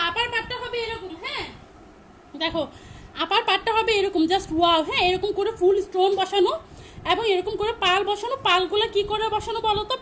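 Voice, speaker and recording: A young woman from Chittagong, selling clothes on a live stream in a loud, big voice, repeating each price emphatically. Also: very high-pitched, slight background noise. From Chittagong, Bangladesh. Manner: repetitive, emphatic, rattles off prices. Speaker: online clothing seller. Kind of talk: live-stream sales pitch.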